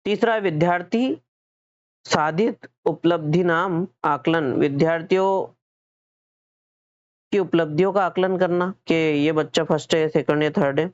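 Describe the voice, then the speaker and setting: An unhurried male teacher, his pitch fairly high and his accent Hindi, explains exam questions step by step for exam prep. He answers his own questions and frequently repeats and corrects his wording. The recording is dry, with the highs cut off.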